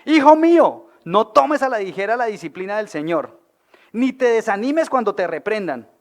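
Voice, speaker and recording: A man's voice: high voice, normal speed. A man with a Colombian accent, preaching a sermon as pastor. He is colloquial and humorous and keeps asking the audience questions. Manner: lively, asks the audience questions.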